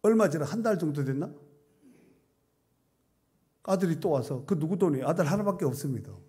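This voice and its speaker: A man's voice: a little high, animated, normal speed, mellow. A middle-aged man, a pastor, preaching a sermon in a church, telling stories conversationally and reading scripture with rising emphasis. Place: church sanctuary.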